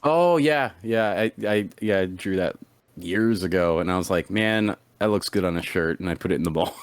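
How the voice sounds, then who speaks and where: Guest: man, low voice, dry close sound, rambling chat with repeated words and acted-out thoughts. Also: normal speed, clean tone, no room sound. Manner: rambling, repeats words, acts out his own past thoughts in a raised voice. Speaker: interview guest. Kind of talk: casual chat.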